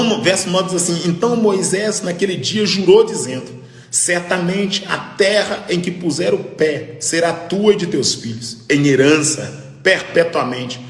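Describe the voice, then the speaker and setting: A man preaching a fervent Pentecostal sermon as pastor, rising to shouts and breaking into tongues. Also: sits high, echoey room, big-room sound.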